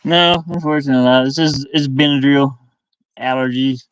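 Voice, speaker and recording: Inside a van, a middle-aged man livestreams a casual chat with viewers, rambling in short, fragmented phrases and talking half to himself. His medium-pitched voice is smooth, with fairly even intonation and a normal pace. The webcam sound is lo-fi, without echo.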